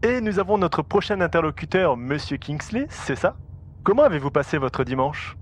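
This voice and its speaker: A man playing a brisk, conversational radio phone-in host in an audio drama. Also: a little high, sing-song, a little hiss or hum, pitched above the performer's own voice. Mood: chatty.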